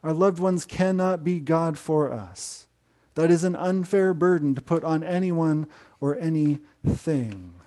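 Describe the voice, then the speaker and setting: A middle-aged man preaching a sermon to an online congregation, gentle and conversational, often restarting his phrases. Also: a little high. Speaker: pastor.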